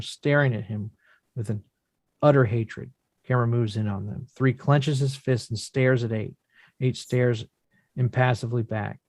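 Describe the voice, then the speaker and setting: Reading stage directions for a script, a man narrates the screen action in measured, deliberate short phrases. His voice is medium-pitched and a little mellow, with no echo.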